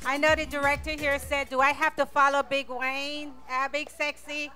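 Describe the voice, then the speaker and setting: A woman's voice: high-pitched, little pitch movement, normal speed, pushed and bright, faint music behind. A woman hosting a live community radio talk show, thanking sponsors and welcoming guests to an audience.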